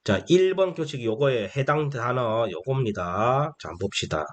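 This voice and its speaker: Man teaching beginner phonics slowly. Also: medium pitch, expressive. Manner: repetitive, asks and answers his own questions; drawls key phrases slowly. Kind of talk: slow explanatory lesson for beginners.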